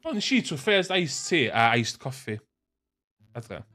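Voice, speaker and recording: A man's voice: mid-range voice, sing-song, normal speed, pushed and bright. A man with a North Wales accent reading a visual novel aloud, mixing in casual, jokey banter. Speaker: gaming video host.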